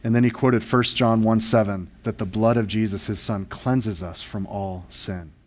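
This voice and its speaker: A man's voice: lowish voice, fairly even intonation, moderate pace, darkish tone. A male pastor preaching a sermon, earnest and emphatic, asking the congregation rhetorical questions.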